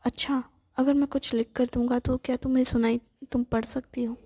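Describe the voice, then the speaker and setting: A woman's voice: fairly high pitch, little pitch movement, moderate pace, dark tone. Woman whispering as a fretful young man. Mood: puzzled. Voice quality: breathy whisper. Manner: fretful, muttering to himself. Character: nervous young man talking to a ghost. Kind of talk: whispered role-play.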